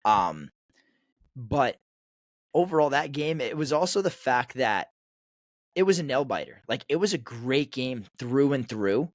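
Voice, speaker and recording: A man's voice: medium pitch, very animated, a little slow, long pauses, no room sound, clean studio sound. A young man co-hosting a hockey podcast, telling stories in a rambling, casual way full of fillers. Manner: rambling, filler-heavy storytelling. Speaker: podcast co-host. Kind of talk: casual chat.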